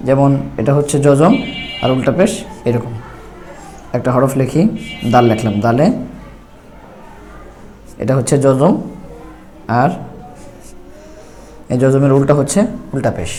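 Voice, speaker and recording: A man teaching Quran reading, spelling out syllables slowly and then explaining briskly. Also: mid-range voice, dark tone. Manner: drawn-out syllable-by-syllable recitation; brisk explaining between drills. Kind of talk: slow spelled-out reading lesson.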